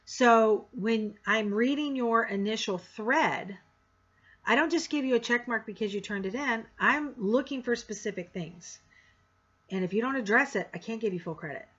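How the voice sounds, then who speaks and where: A woman's voice: on the high side, normal speed, a bit bright, highs cut off. A woman instructor giving a course introduction in a frank, direct way with sarcastic asides. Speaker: college instructor.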